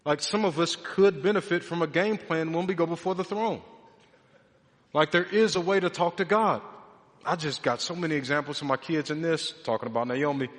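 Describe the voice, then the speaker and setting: Animated preacher in an echoing hall. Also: male voice, a little high, a little fast. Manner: animated preaching, swings from loud emphatic to soft and hushed. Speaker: pastor. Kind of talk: sermon. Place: church sanctuary. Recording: long reverb of a large hall.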